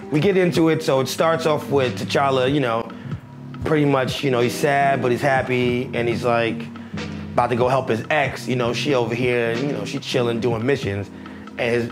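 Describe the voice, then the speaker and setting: A young man reviewing a movie in a casual, excitable chat, joking and swearing freely. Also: mid-range voice. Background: music.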